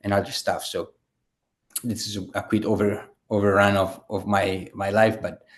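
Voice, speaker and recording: A man's voice: on the low side, flat delivery, normal speed. A man, a guest telling his story in a casual interview, rambling with many fillers and restarts. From Italy. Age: 30s.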